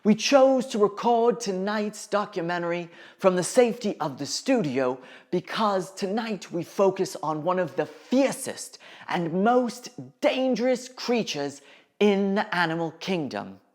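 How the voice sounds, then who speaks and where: A woman's voice: mid-range voice, animated, measured pace, a little mellow. A woman presenting a scripted mock nature documentary in a grave, dramatic manner. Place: studio. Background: background music.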